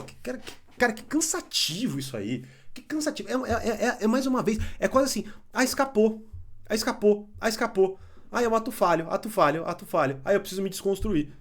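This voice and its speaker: A young adult Brazilian man giving blunt, animated opinion commentary, swearing and mocking others. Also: high-pitched. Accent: Brazilian Portuguese.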